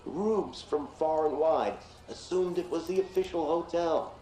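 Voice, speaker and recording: An actor playing a calm imprisoned killer who tells his story in a slow, measured, menacing way. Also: on the high side, natural voice. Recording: roomy game audio with faint noise.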